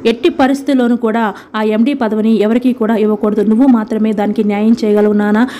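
A woman's voice: a little high, flat delivery, fast, warm tone, a little hiss or hum, lightly acted. A woman voicing a dying middle-aged mother who speaks sorrowfully and insistently to her son. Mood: urging. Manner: sorrowful, urging.

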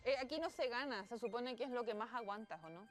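A woman's voice: a little high, lively intonation, quick pace, faint music behind. A young Chilean woman hosting a casual gaming stream, chatty and playful, exclaiming and laughing as she plays and reads the chat. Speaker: streamer host.

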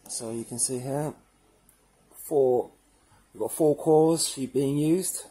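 In a rough recording, a man with a medium-pitched, slow, warm and husky voice presents an installation tutorial. His delivery is casual and direct to the viewers, whom he calls "guys," as he demonstrates informally.

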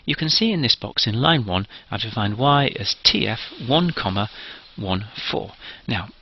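Low gravelly-voiced male lecturer. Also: lively intonation, normal speed, dull audio. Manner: methodical, explains step by step. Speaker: engineering lecturer. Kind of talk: recorded lecture walkthrough.

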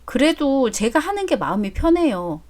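A woman voicing a polite young daughter-in-law who speaks softly and respectfully in a story drama. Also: sits high, big pitch swings, normal speed. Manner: polite, soft-spoken. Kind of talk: story drama read aloud.

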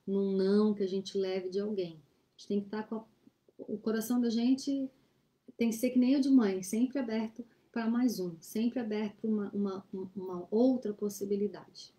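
Earnest woman teaching, mellow voice. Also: mid-range voice, fairly even intonation, normal speed. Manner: earnest, gently exhorting. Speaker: spiritist study presenter. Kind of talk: reflective teaching talk. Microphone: laptop webcam on a video call.

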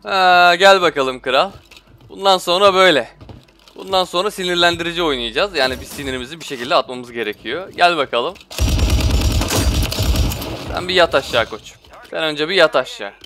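A man's voice: on the high side, normal speed, long pauses, sharp tone, a little hiss or hum. A man commentating his own shooter gameplay, switching between frustrated outbursts, muttering to himself and slangy trash talk at opponents. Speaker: gaming streamer.

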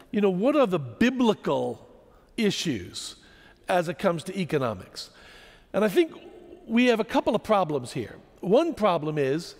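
Man lecturing in a large hall, expressive pitch, long reverb; suits a lively talk. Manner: animated storytelling, rhetorical questions. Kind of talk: public lecture to an audience.

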